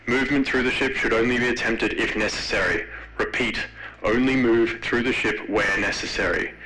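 A man voicing a calm female ship officer making a formal announcement over a crackly intercom. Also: fairly low pitch.

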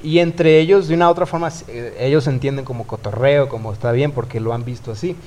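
A man's voice: mid-range voice, quick pace, darkish tone. A man with a Mexican accent talking about faith on a podcast in an earnest, reflective way, often restarting his sentences. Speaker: youth worker. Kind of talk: casual podcast conversation.

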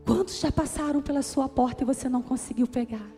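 A woman's voice: high-pitched, quick pace, warm tone. A woman with a Brazilian Portuguese accent preaching a sermon, telling a personal story earnestly and building to emphatic appeals. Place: church auditorium. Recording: church hall with long reverb, faint music.

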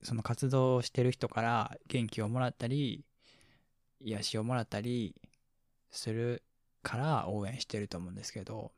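A Kansai Japanese man relaxes into hosting a late-night sleep radio broadcast, reading comments from listeners. His soft voice is mid-range, mumbly and a bit slurred, moving at a moderate pace with quiet chuckles and near-whispers, recorded in echo-free studio quality.

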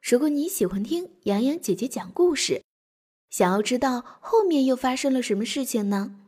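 Young woman storyteller, breathy voice, lively bedtime reading for kids. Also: sits high, moderate pace. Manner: gentle, expressive reading for children.

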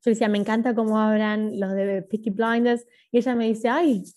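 A woman's voice: on the high side, level tone, brisk, a little mellow. A young woman, chatting as an interview guest in a loose, musing way full of filler phrases. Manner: musing, loose, full of "o sea" and "como que". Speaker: guest, video creator. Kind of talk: casual interview chat.

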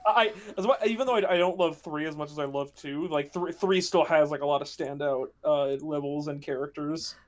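A man's voice: fairly high pitch, brisk, few pauses. A young man in a casual game chat who restarts his words a lot and gets enthusiastic and defensive.

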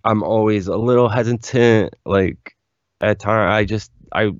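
A man's voice: fairly low pitch, fairly even intonation, measured pace, no room sound. A man in his forties from Philadelphia, a musician chatting casually in an interview, rambling and enthusiastic. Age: 40s. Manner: rambling, enthusiastic, says "like" a lot. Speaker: musician guest. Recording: dull, lo-fi, dry sound.

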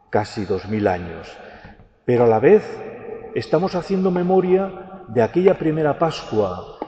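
Spanish priest preaching slow, stretches words, echoey church sound, faint hiss behind. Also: male voice, mid-range voice, warm tone. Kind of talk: gospel reading and homily. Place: large church. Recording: church with a long hall echo, dull and lo-fi, faint background hiss.

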